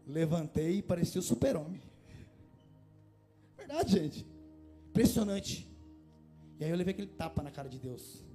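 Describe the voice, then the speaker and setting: A man's voice: on the high side, lively intonation, moderate pace, long pauses, dark tone, soft background music. A man preaching a conversational sermon in a church, asking his congregation rhetorical questions and rising to passionate appeals. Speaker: pastor.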